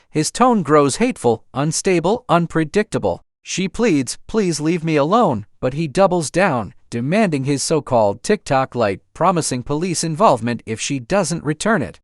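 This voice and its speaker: A man's voice: a little high, dry recording, clean studio sound. A man narrating a courtroom recap in a punchy, dramatic scripted style.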